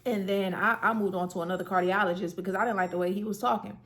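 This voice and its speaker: Talking fast in a somewhat bright, mid-range voice with fairly even intonation, a thirtysomething woman recounts her health experience. It's an informal testimony, sincere and conversational, packed with filler words.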